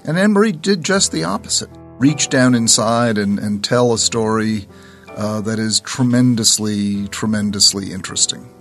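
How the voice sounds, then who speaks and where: A man hosting a podcast, wrapping up a guest's story with reflective commentary that rushes through some phrases. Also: lowish voice. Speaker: podcast host. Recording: faint music behind.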